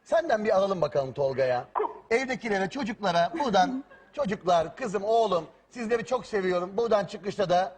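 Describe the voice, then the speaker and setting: A man's voice: high voice, lively intonation, a little fast, a little mellow. A man hosting a talk show with casual, teasing comic banter. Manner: teasing, jocular. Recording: studio with audience noise. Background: audience.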